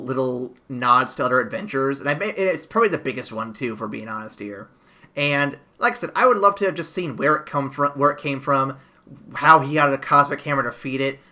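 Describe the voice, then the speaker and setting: A man's voice: medium pitch, bright, forceful tone. A man hosting a podcast, reviewing a movie in casual chat and rambling through restarts and fillers. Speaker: podcast host.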